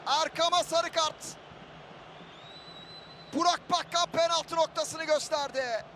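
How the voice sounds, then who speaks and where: An excited male football commentator screams the play-by-play at a very high pitch. His voice is bright and forceful. Faint stadium ambience sits behind him. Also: slow pace, a little hiss or hum. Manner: excited, screaming at goals and chances.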